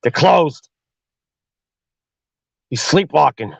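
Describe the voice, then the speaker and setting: Gravelly guy telling a creepy story, swears a ton, slangy, dry close dull audio. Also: on the high side, animated, very slow, dry recording. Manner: profane, slangy. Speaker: podcast host. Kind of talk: crude horror storytelling.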